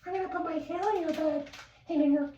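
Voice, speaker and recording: A man putting on a shrill creepy witch. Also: fairly even intonation, quick pace, dark tone, dull audio, a little hiss or hum. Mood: menacing. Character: creepy shrill hair-pulling witch woman. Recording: echoey room, mic at a distance.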